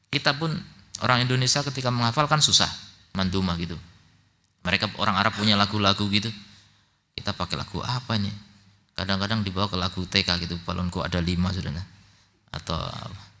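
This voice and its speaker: A man's voice: lowish voice, bright, forceful tone. A man teaching a religious study lecture, telling stories in a conversational way, reciting Arabic passages and then translating them. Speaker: Islamic teacher (ustadz).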